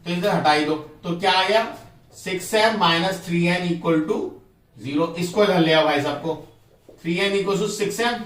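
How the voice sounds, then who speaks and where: Man, math teacher, high voice, quizzing tone, echoey room, distant mic. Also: a bit bright. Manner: explains step by step, quizzing students with quick questions. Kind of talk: classroom math lesson.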